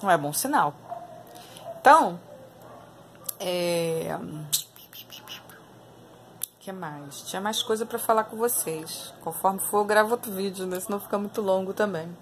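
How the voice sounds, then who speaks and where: A woman's voice: mid-range voice, a little slow, pauses often, a little hiss or hum. A Brazilian woman giving opinionated, emphatic commentary to her viewers in a casual spoken style, repeating phrases for emphasis. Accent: Brazilian Portuguese. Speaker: online political commentator.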